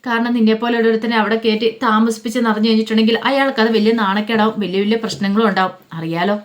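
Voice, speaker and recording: A woman voicing an older man, a retired teacher and father, who speaks in a steady, cautioning way. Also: a little high, quick pace, lightly acted.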